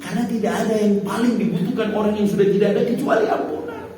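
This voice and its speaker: A male preacher giving an animated mosque sermon, acting out prayers and speaking to the congregation. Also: sits high, fast talker, a little hiss or hum. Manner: lively, animated, acts out prayers, addresses audience as Pak. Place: mosque hall. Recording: very echoey hall, mic far off.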